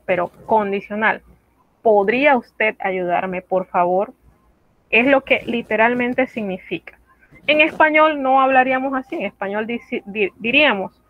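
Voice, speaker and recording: A woman teaches a virtual language class at a slow, careful pace, drilling each phrase by repeating it. Her slightly high voice comes through a narrow, phone-like line. The sound is dry and close. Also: dry recording. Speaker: French teacher. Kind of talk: online language lesson.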